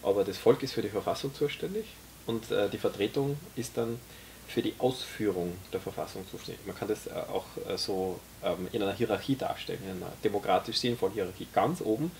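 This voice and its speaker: A faint hiss underlies this recording of an Austrian man in his forties, a guest and author, made in a small tea café by a camera mic a few metres off. His voice is low, gravelly, and darkish in tone. He explains his vision at length in casual conversation, with frequent pauses and fillers.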